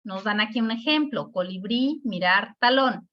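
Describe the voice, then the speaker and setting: A woman's voice: mid-range voice, lively intonation, a little slow. A woman teacher giving an online grammar lesson, patiently breaking words into syllables and checking in with her students. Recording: dull lo-fi sound.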